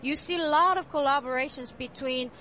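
High-voiced Korean-accented woman musician. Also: a little fast, slight background noise. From South Korea. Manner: soft-spoken, many fillers like "like" and "um". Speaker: jazz pianist and composer. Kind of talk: interview at a jazz fair.

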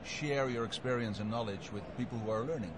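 A man's voice: mid-range voice, fairly quick, background noise. A man interviewing a musician at a jazz fair, asking friendly, chatty questions.

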